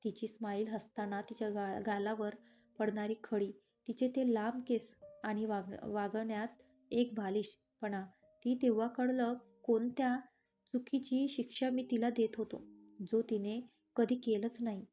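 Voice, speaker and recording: A woman's voice: on the high side, steady tone, unhurried, dark tone, natural voice. A woman voicing a stern, brooding male boss who has given up revenge for love, in an audio story. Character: brooding man, a stern boss turned lovestruck.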